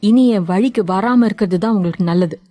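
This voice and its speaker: A woman voicing a defiant young daughter in a story, with a sharp, scolding way of talking. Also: mid-range voice, a little fast, dry recording, close to an everyday voice. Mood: furious. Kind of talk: audio drama reading.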